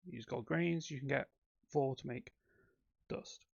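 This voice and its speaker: A man's voice: medium pitch, unhurried, gravelly, slightly rough, dry recording, lo-fi sound. A man giving casual, rambling commentary on his own gameplay, with frequent ums and self-corrections. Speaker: let's play host.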